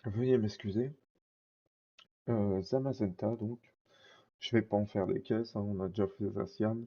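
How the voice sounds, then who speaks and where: Male vlogger, casual rambling delivery, low dark voice, slightly dull recording. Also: steady tone, a little slow, slightly rough. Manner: rambling, many fillers and self-corrections. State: scratchy throat. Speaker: card collector vlogger. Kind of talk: casual collection showcase.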